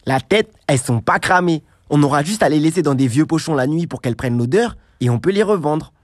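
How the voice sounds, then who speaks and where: Scheming young hustler, as a man plays him, boastful, wheedling, slightly high voice. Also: lively intonation, a little fast, no room sound, clean studio sound, natural voice. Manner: boastful, wheedling street slang. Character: scheming streetwise young man called the rat. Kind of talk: comedy sketch acting.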